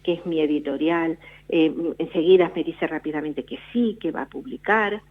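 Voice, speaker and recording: A woman's voice: deep voice, normal speed. A middle-aged woman from La Palma, a novelist telling her story in a radio interview, often restarting her sentences. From La Palma, Canary Islands. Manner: reflective storyteller with frequent restarts. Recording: tinny phone line.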